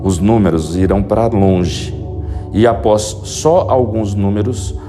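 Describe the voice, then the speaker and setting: A man leads a guided hypnosis relaxation with slow, soothing instructions, like a sleep story narrator. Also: fairly low pitch. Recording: music behind the voice. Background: prominent music.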